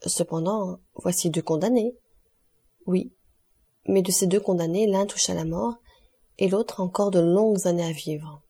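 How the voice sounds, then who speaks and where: A woman's voice: lowish voice, normal speed, warm tone, slightly rough. Woman reading as a cold, sardonic count. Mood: cool. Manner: cool, ironic, declaiming.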